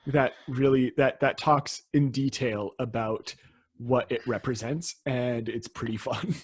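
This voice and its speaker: A man from Canada chatting loosely on a podcast about folklore topics. His voice is a little husky, and he laughs easily and trips over his own starts. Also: mid-range voice, steady tone, a little slow. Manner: laughs often, restarts and hedges. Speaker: podcast co-host. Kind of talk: casual podcast chat.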